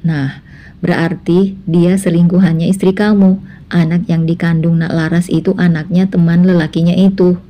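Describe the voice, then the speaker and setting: A woman's voice: on the low side, level tone, moderate pace, dark tone, lightly acted. A woman voicing a scheming middle-aged mother who coaxes and insinuates in a spoken drama story. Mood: insinuating.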